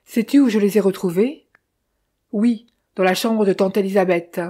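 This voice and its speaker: A stern man laying out his case point by point in an audiobook, read by a woman. He keeps questioning and insisting. His tone is mellow and dark. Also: medium pitch, normal speed, slightly rough, close to an everyday voice. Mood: insistent. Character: stern man pressing his brother to confess.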